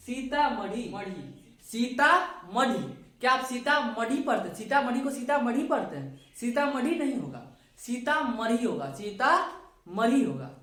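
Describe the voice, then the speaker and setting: Woman teacher, patient, drills spelling letter by letter; slightly high voice, very slow, echoing room recording. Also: a bit bright. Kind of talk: classroom lesson, spelling out words. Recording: echoey room, voice from a distance.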